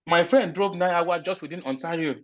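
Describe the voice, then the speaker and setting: Speaking briskly in a slightly high, fairly bright voice with no room sound, a recently immigrated man from Nigeria gives an interview in his Nigerian accent. He is earnest and emphatic, frequently restarting, and the recording sounds dull and lo-fi.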